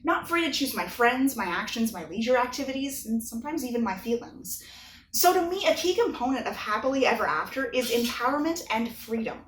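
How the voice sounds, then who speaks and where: A woman's voice: a little high, a bit bright, slight background noise. A woman author giving a chatty, earnest video update to her readers. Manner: chatty and earnest, with bursts of laughter. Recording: echoey room, mic at a distance.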